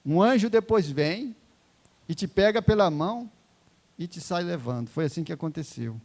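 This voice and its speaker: Guy preaching in church, high voice with lots of gravel, goes from whispery soft to loud and fervent. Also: lively intonation, normal speed. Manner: dramatic swings from hushed to loud; fervent, exclaiming. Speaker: preacher giving a testimony. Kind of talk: emotional sermon testimony.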